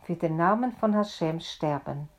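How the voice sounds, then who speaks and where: A woman's voice: lowish voice, expressive. A woman voicing a solemn male rabbi who speaks earnestly to his frightened congregation. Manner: earnest, slow and deliberate.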